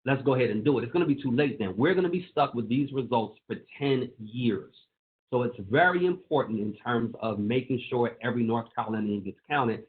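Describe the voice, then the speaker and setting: A man who is a pastor and state legislator, giving an earnest presentation to pastors on a conference call and repeating phrases for emphasis. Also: medium pitch. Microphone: phone or call line. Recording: tinny phone-line call audio.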